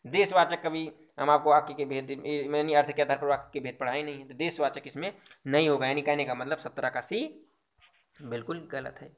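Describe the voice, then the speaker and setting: Working through exam questions one by one, a Hindi teacher explains every answer, repeating points and asking rhetorical questions. He speaks fairly quickly, with a fairly high pitch and a steady tone.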